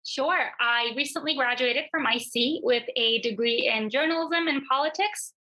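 A bright, forceful, high-pitched woman speaks at normal speed on a low-quality recording. She's a young Turkish journalist in her twenties, a guest answering interview questions in a chatty, thoughtful way, with frequent fillers and restarts.

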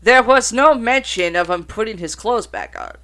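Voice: mid-range voice, expressive, moderate pace, noisy background. A podcast host reading out notes on banned songs, breaking off to swear and joke in casual, uncensored talk. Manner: reads out notes, then swears and riffs.

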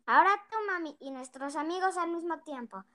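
High-voiced child reading a storybook. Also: female voice, bright, forceful tone. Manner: slow, careful reading with little hesitations. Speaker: young storyteller. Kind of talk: reading a picture book aloud.

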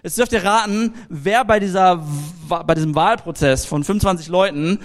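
A young man preaching a casual sermon in a lively, anecdotal way, speaking directly to his listeners. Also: high-pitched, normal speed.

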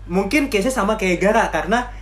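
A man's voice: sits high, animated, quick pace. Young man with weak R's. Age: young adult. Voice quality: speech impediment, has trouble pronouncing R. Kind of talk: casual bantering chat.

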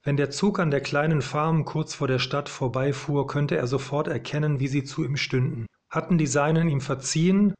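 A male preacher delivering a devotional sermon in a voice of ordinary, middle pitch. He speaks calmly and deliberately, and slows right down for his repeated words of reassurance. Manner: calm, measured, slows for repeated affirmations.

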